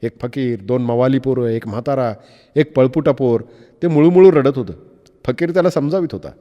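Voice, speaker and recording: A man's voice: medium pitch, highs cut off. Male audiobook narrator, reverberant room. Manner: expressive, measured storytelling. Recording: long reverb.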